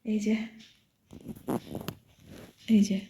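A woman vlogger talking quietly and softly to her viewers from her bedroom at night, on a hand-held phone. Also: extremely slow, echoey room, a little hiss or hum. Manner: speaking quietly and softly so as not to wake sleepers. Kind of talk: late-night vlog talk to viewers. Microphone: phone camera held by hand.

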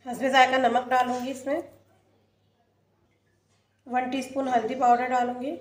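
A woman's voice: high voice, level tone, moderate pace, reverberant. A woman hosting a cooking channel, narrating a home recipe step by step as she works in her kitchen. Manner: plain, explains each step as she works.

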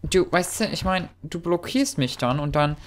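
A man's voice: a little high, lively intonation, normal speed, lightly acted. A man playing a chummy, rambling father on a bike who lectures his son in a put-on Hamburg accent. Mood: lecturing. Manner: chummy, rambling, know-it-all. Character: blustery dad on a bike talking to son.

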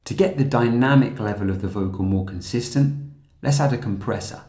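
Guy explaining audio software step by step, lowish dark voice, kinda roomy sound. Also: brisk. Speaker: software tutorial narrator. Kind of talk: scripted tutorial narration.

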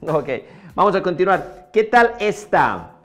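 Man, English teacher, animated pitch, faint music behind, slow repeated word drills. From Colombia. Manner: drills words slowly, repeating each one. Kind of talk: pronunciation lesson.

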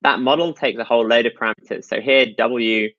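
A man's voice: medium pitch, steady tone, fairly quick, fairly bright tone, dry recording, highs cut off. A man giving a technical talk over slides at an online meetup, explaining step by step with frequent ums and uhs. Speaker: meetup presenter.

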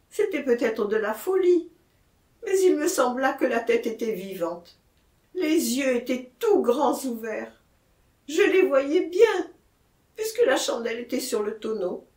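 A man's voice: extremely high pitch, very animated, unhurried, long pauses, a little mellow, recorded from a distance, pitched above the performer's own voice, exaggerated voice. A woman reading an audiobook, voicing a terrified man who confesses to a killing, frantic and pleading. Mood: haunted. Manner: frantic, pleading, rising to cries. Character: terrified male gravedigger-murderer, pleading. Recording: echoey room.

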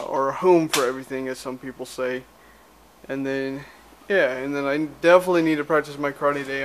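A young man's slightly high, somewhat bright voice carries a casual, filler-heavy vlog ramble as he walks around a cluttered little spare bedroom. He speaks into a handheld camera at arm's length, and a little hiss or hum is audible.

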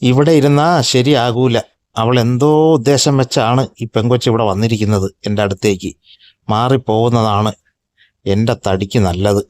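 A man's voice: mid-range voice, a little mellow, no room sound, lightly acted. A man voicing a grumpy, wary male tomcat in a pet vlog, muttering sulky complaints.

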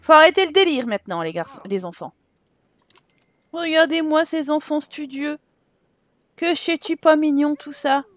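A woman's voice: high-pitched, lively intonation, moderate pace, long pauses, dry recording. A young French woman commenting casually and playfully on her life-sim game, chatting to her characters as she plays. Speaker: Sims gameplay YouTuber. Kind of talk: casual let's-play commentary.

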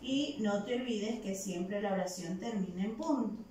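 Her voice is medium-pitched and warm, captured from a distance in an echoing room with a little hiss or hum. She teaches a virtual primary class, dictating words slowly and patiently syllable by syllable.

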